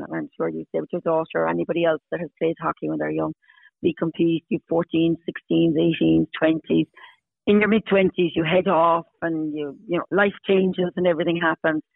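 A woman in her fifties talks casually and emphatically in a Munster Irish accent. Her voice has plenty of fry in it. It comes through a narrow, tinny phone-style connection with very little room around it. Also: fairly low pitch, little pitch movement, a little fast, no room sound. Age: 50s. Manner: chatty, emphatic repetition. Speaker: podcast guest, Masters hockey player. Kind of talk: casual interview.

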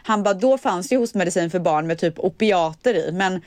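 Young female co-host, lively storyteller, dry close sound. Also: on the low side, no echo. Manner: animated storyteller, acts out voices, laughs often. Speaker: podcast co-host. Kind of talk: casual chat.

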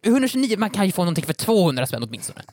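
A man's voice: high-pitched, sing-song, darkish tone, dry recording, studio quality. A man co-hosting a casual podcast who argues his point with stammered restarts. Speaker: podcast co-host. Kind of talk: casual chat.

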